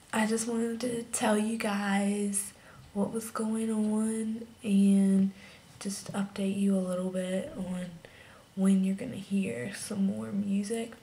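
A woman vlogger who has lost her voice, talking to her viewers in a hoarse, half-whispered, downcast way. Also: mid-range voice, dark tone. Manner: half-whispered, breathy talk; slow, downcast. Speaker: singer vlogger. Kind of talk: casual update to viewers. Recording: echoey room.

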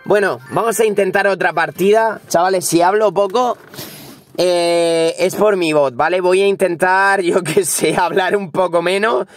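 Hoarse young Spaniard with a cold. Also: male voice, high-pitched, unhurried, faint music behind. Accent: Spain Spanish. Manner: swears freely, talks straight to viewers. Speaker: gaming YouTuber. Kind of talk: live gameplay commentary.

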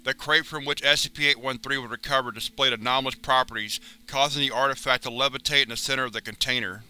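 A man reading a wiki entry aloud as a narrator, in a steady, formal, clinical way. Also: mid-range voice, quick pace, smooth.

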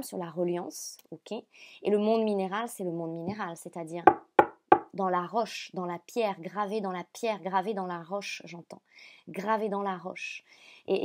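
A French woman giving a spiritual card reading to the viewer, speaking softly and hesitantly, often repeating phrases with many fillers. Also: mid-range voice. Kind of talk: channeled reading, addressing viewer.

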